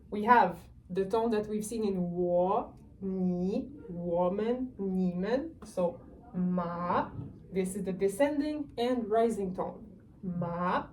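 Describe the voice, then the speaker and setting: A woman teaching a beginner language lesson at an unhurried, deliberate pace, patiently breaking each point down and modeling the sounds. She sits a bit back from the mic, with a faint hum of room ambience underneath. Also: medium pitch, dark tone, recorded from a distance, rough recording.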